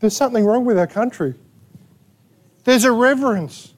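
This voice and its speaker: Australian male pastor, high voice, punchy sermon delivery, fires rhetorical questions at the room. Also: animated, moderate pace. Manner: emphatic preaching with rhetorical questions and sharp asides. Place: church gathering in a rented hall.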